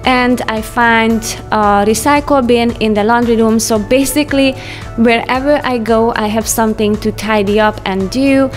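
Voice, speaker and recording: Chatty woman vlogger with a higher voice. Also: normal speed. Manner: chatty, light laughs, non-native phrasing. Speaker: home vlogger. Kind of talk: casual voice-over narration. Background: soft background music.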